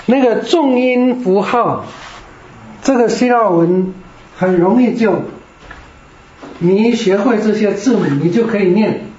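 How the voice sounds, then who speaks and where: A man's voice: sits high, a little slow, pauses often, a little mellow, a little hiss or hum. A man teaching Greek to a class, explaining patiently step by step. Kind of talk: classroom lecture. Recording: roomy, dull lo-fi classroom recording.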